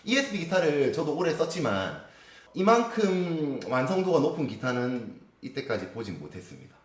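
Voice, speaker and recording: A man's voice: a little high, big pitch swings, roomy sound. A man hosting a guitar channel, explaining guitar specs in a casual gear review chat. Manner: explanatory, measured, frequent affirmations. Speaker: guitar lesson channel host.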